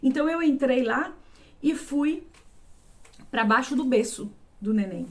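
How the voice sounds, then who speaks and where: An adult Brazilian woman giving a personal testimony, halting and emotional, often repeating words. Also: high-pitched, lively intonation. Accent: Brazilian Portuguese. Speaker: vlogger.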